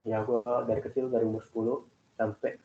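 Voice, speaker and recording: A young man chatting casually with classmates, rambling and animated as he tells about his family. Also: on the low side, brisk, slight background noise. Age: young adult. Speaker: student in group discussion. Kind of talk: casual chat. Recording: echoey, phone-like call audio.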